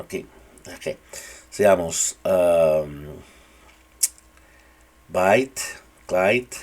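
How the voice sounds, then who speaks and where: A man teaching English pronunciation to other speakers in a relaxed, casual way, repeating each example word slowly. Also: sits low. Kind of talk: casual spoken English lesson.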